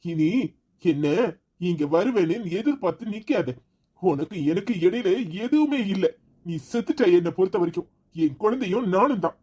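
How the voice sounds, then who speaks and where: A man's voice: sits high, animated, normal speed, mellow, breathy edge. An actor playing a protective father in a family drama, speaking firmly and emphatically. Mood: angry. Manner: firm, emphatic delivery. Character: protective young father, stern then gentle. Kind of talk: TV serial acting.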